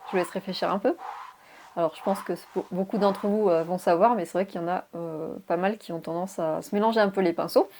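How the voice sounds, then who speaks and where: A woman teaching English pronunciation in a video lesson. She explains clearly and spells words out letter by letter. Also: medium pitch, darkish tone.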